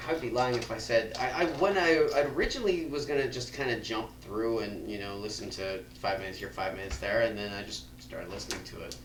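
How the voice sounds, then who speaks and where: A man's voice: fairly low pitch, fairly quick, hardly any pauses. Laid-back man running a tabletop game. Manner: loose, laughing, rambling. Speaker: game master. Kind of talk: casual table talk after a tabletop game. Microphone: far room mic. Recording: echoey room, mic far off, background noise.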